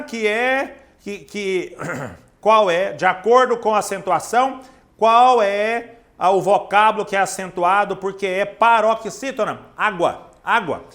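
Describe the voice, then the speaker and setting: High-voiced Brazilian man teaching grammar. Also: measured pace, a bit bright. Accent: Brazilian Portuguese. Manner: emphatic, addresses the student directly. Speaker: Portuguese teacher. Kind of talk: online grammar lesson.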